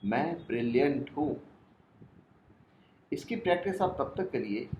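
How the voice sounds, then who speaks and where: A man narrating a step-by-step self-help lesson in a steady, explanatory way. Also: medium pitch. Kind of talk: scripted instructional narration. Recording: echoey room with faint noise.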